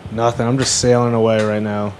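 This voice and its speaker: A man's voice: on the low side, little pitch movement, a little fast, a little mellow, slight background noise. A man co-hosting a podcast in informal, slangy, casual conversation. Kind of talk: casual chat.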